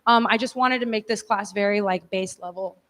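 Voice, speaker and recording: A woman's voice: medium pitch, a little fast, fairly bright tone. A woman giving an informal lecture to a class in a casual, hedging way, speaking in a large echoey room. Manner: casual, hedging, often says like. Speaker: teacher leading a class. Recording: echoey hall, long reverb.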